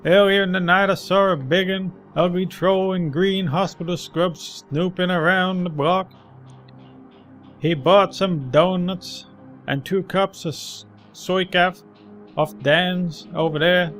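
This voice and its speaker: A man's voice: sits high, fairly bright tone, voice pushed up. A man voicing a blunt, suspicious old homeless man from a video game, irritable and slangy. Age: older. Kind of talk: video game character read aloud.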